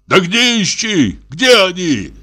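A man voicing a calm, pious old pilgrim who talks slowly and reproachfully. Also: high-pitched, breathy edge, voice pushed up, exaggerated voice. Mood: pleading. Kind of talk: audiobook character voice.

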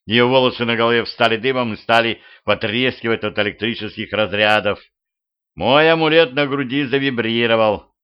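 A man narrating a first-person audiobook at an even storytelling pace. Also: medium pitch, moderate pace, clean tone. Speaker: audiobook reader. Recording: dull lo-fi home recording.

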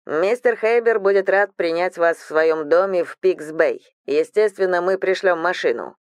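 A woman's voice: lowish voice, normal speed, smooth, no room sound, clean studio sound, natural voice. A woman reading the lines of an ingratiating male assistant of about thirty, who tries to keep his dignity. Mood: fawning. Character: fawning obsequious male assistant around thirty.

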